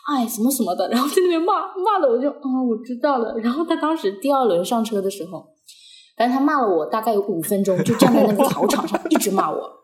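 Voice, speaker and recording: Animated young woman telling a story in an echoey room. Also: a little high, fast. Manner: animated, laughing often, acts out quotes. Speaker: podcast host. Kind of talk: casual storytelling chat.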